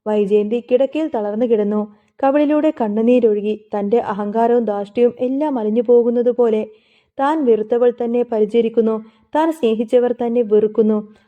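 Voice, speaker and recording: A woman's voice: fairly high pitch, fairly even intonation, normal speed. A woman narrating a family drama story in an emotive, dramatic telling. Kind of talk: storytelling serial recap. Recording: phone-like narrow sound.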